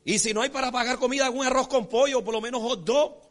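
High-voiced pastor preaching, lively and folksy, keeps checking if folks follow. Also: male voice, fast talker. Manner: animated, folksy, acts out characters; repeats rhetorical check-ins with the congregation. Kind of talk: sermon.

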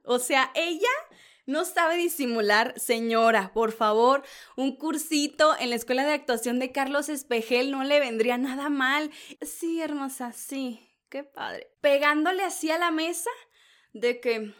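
A woman from northern Mexico with a northern Mexican accent, hosting celebrity gossip in a loud, dramatic, chatty way and acting out other people's lines. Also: high-pitched, measured pace. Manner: loud, animated, dramatic, mimics others mid-story. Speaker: entertainment gossip host. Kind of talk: casual celebrity gossip commentary.

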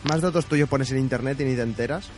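A man's voice: mid-range voice, fast talker. A man hosting a podcast interview, chatty and stumbling over restarts. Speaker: podcast host. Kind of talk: casual interview. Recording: clear music under the voice. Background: music.

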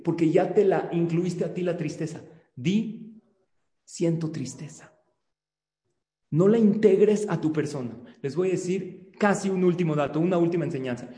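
A man, a rabbi, giving a religious class over a video call in an animated teaching manner, often asking his listeners questions. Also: fairly high pitch. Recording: echoey room with long reverb.

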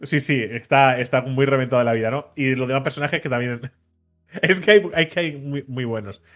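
A man co-hosting a podcast, chatting casually and telling stories with lively swings into loud mimicked shouts. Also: mid-range voice, brisk, faint music behind. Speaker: podcast co-host. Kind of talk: casual chat.

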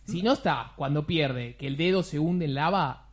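A man's voice: on the high side, normal speed. A young man with an Argentine Spanish accent, joking and teasing his friends in casual chat, swearing freely. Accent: Rioplatense Spanish. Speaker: panelist.

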